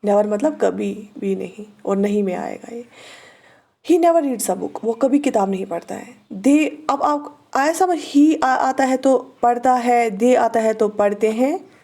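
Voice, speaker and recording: In an online exam-prep lesson, a female teacher with a Kashmiri-accented Hindi-Urdu voice, fairly high yet mellow, reads each example sentence slowly and repeats it for drilling. She keeps making sure her students are following, asking short questions to check their understanding.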